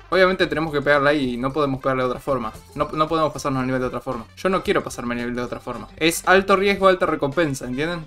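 Boastful young Argentine gamer, slightly high. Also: male voice. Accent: Argentine Spanish. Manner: playful and boastful, talks to viewers, bursts into excited yells. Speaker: gaming channel host. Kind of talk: gameplay commentary.

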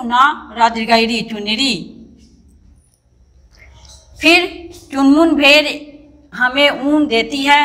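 Woman, teacher, high voice, patient syllable-by-syllable spelling, long reverb. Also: bright, forceful tone. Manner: calls the pupil "beta" fondly. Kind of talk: online class for children.

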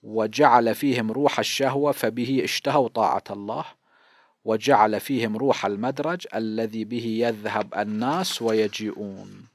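A man's voice: on the low side, steady tone, normal speed, no room sound. A man in his fifties with an Iraqi Arabic accent, a cleric giving a seminary lesson on hadith, explaining patiently and posing questions he then answers himself. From Iraq. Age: 50s.

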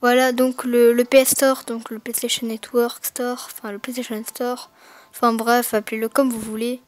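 Hesitant woman narrating an unboxing, high voice. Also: level tone, moderate pace, dry recording. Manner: hesitant, many fillers and self-corrections. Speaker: gaming video maker. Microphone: gaming headset mic.

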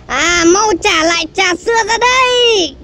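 A man playing an excitable young male demon hunter, boastful and theatrical in a comedy skit. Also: very high voice, measured pace, a little hiss or hum, full character voice. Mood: triumphant.

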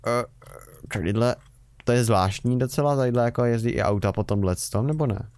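A man's voice: mid-range voice, a little mellow. A young man giving rambling, casual commentary while playing a game, with wry remarks. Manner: chatty, rambling, wry self-mocking remarks. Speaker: Let's Play host.

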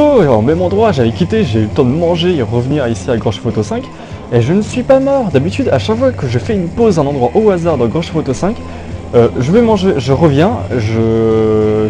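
A man's voice: a little high, sing-song, fairly quick, music in the background. A young man giving casual, jokey gameplay commentary through an old phone headset, rambling with many fillers and restarts. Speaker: gaming YouTuber.

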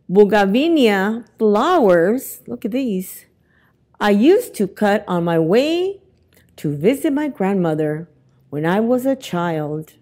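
A middle-aged woman reads a children's picture book aloud at storytime, expressive and deliberate for young children, with animated pitch and an unhurried delivery. She's indoors in a library among bookshelves, picked up by a lapel mic.

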